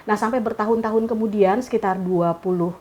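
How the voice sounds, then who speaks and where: Animated middle-aged woman storyteller. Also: medium pitch, brisk. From Indonesia. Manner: animated, acts out quoted dialogue. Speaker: writer, interview guest. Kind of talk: casual storytelling.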